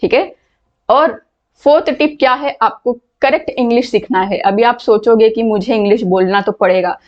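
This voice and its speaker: A woman with a fairly high voice gives an online English lesson. She explains patiently and repeats words so her students can hear how they sound. The audio is muffled and lo-fi. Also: normal speed. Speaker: English teacher. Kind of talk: online class lecture.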